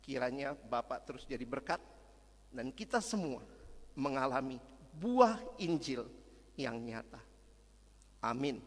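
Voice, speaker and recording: A man from Makassar preaching a sermon as a lively story, swinging between loud and hushed. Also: mid-range voice, unhurried, pauses often. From Makassar, Indonesia. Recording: long hall reverb.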